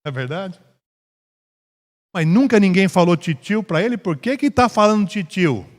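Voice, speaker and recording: A man with a Brazilian Portuguese accent teaching a Bible class in a church, slow and drawn out, rising to emphasis when reading scripture. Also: sits high, animated. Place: church hall. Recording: echoey church hall.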